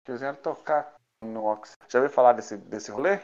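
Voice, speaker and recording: Casual male talker, São Paulo Brazilian Portuguese accent, mid-pitched, enthusiastic and slangy, on slightly dull lo-fi audio. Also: brisk, darkish tone, soft background music. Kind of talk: casual chat.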